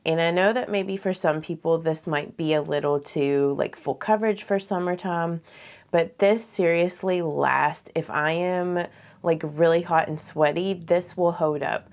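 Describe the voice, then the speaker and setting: Unhurried and lowish with a darkish tone, a beauty vlogger chats casually while doing her makeup. She comes across a little nasal and congested and relies on many filler words.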